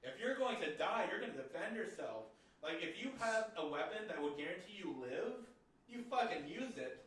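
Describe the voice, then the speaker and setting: A man's voice: high voice, very animated, moderate pace, a bit bright. A man hosting a casual podcast chat, blunt, opinionated and profane. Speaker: podcast host. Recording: echoey room, mic at a distance.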